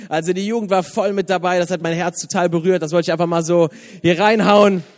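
A man's voice: sits high, fast, long reverb tail. A man in his thirties, a youth pastor, giving a casual, joking sermon in church. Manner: chatty, joking, lively, laughs often. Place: church hall.

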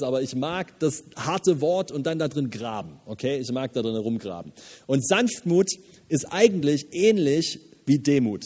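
A man preaching a sermon as a pastor, emphatic and lively, with casual asides. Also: mid-range voice, long reverb tail. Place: church hall.

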